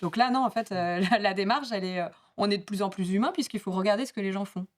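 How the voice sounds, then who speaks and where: A woman's voice: mid-range voice, fast. A woman speaking on a panel at a business talk, explaining her points casually with many fillers to a live audience. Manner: chatty, many fillers, laughs at herself.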